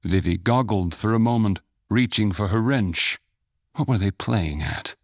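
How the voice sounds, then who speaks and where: A man narrating a fantasy short story in a measured, even storytelling manner. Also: fairly low pitch, dry recording, studio quality. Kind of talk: scripted audiobook narration.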